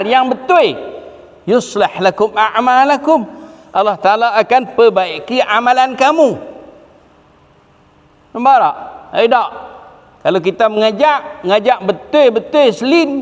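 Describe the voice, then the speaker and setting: A man preaching a lively religious lesson, asking rhetorical questions and quoting Arabic scripture. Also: high voice, in a large hall. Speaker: religious teacher. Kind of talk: sermon. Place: religious hall.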